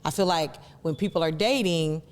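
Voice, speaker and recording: A woman's voice: sits low, normal speed. A woman co-hosting a casual discussion, explaining earnestly and leaning on key words, in an echoing room. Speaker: co-host. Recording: reverberant room with long echo.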